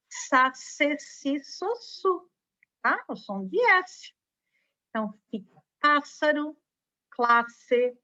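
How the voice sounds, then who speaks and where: Slow, high-voiced Brazilian teacher. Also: female voice, fairly bright tone. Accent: Brazilian Portuguese. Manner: patient, spells out syllables, frequent tag questions. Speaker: primary school teacher. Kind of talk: recorded online lesson for children. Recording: dull lo-fi recording.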